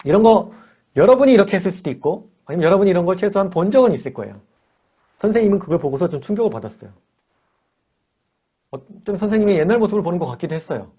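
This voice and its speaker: Guy teaching a church kids lesson on a video call, kinda high voice, acts out little convos with the kids. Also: very fast, long pauses, husky. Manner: lively, acts out dialogues with children. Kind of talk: character-training lesson for children and parents.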